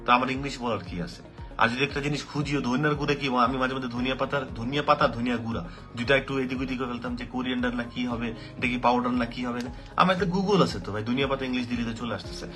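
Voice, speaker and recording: A man giving an animated talk about learning English, asking rhetorical questions and slipping English phrases into his speech. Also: mid-range voice, racing, music in the background. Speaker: English teacher. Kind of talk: motivational talk to camera.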